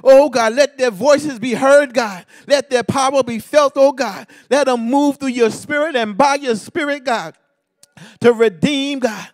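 Guy pastor with a really high voice, praying hard, tacks "god" on every line, dry close sound. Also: unhurried, no room sound. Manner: ends nearly every phrase with a call of "God"; rhythmic, half-sung, swelling to shouts. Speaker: pastor leading prayer. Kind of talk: fervent intercessory prayer.

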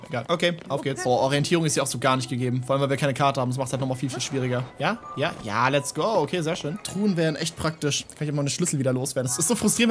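A young man streaming a game, swearing in frustration and talking to his chat. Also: fairly high pitch. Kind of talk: gaming commentary.

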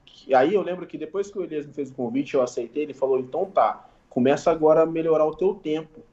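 Guy barber telling stories, slangy, kinda echoey room, a bit dull sound. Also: on the high side. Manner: relaxed slangy storytelling, sound-effect words. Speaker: guest barber. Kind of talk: casual storytelling in a podcast chat.

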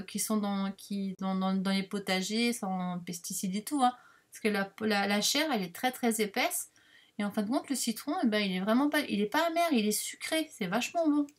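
A woman chatting to her viewers while unboxing craft supplies, rambling, excitable and quick to apologize. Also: on the high side. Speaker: craft vlogger unboxing a parcel. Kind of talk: casual unboxing chat to viewers.

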